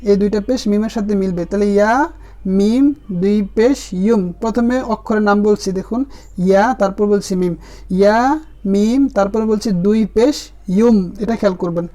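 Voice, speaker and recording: A man teaching Quran reading, spelling out each letter and vowel mark and then drawing the words out slowly and patiently. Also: sits high, steady tone, dark tone. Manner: patient, addresses the viewer directly. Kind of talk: step-by-step spelling lesson.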